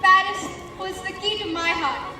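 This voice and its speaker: A woman's voice: very high voice, moderate pace. A girl playing a spirited young princess. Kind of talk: school stage play. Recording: echoey hall from far off, music.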